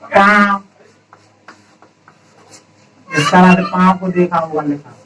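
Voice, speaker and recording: Male teacher with a high voice, recorded from a distance from the mic; explains slowly and quizzes the class. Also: a bit bright, a little hiss or hum. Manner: explains step by step, asks the students questions and answers them himself. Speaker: Hindi grammar teacher. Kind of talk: classroom-style lesson.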